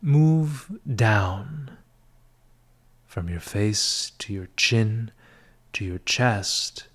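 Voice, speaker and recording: A man with a lowish, animated voice leads a guided meditation. He speaks softly and breathily in a half-whisper reminiscent of a spa, soothing and measured, with long gaps between short phrases.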